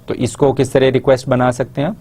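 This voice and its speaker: A man with a Pakistani accent giving a lecture in Urdu, pausing to read out English example sentences slowly and carefully. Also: medium pitch, little pitch movement, creaky, dark tone, slightly rough. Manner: explains in Urdu, models English phrases slowly and deliberately. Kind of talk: classroom lecture.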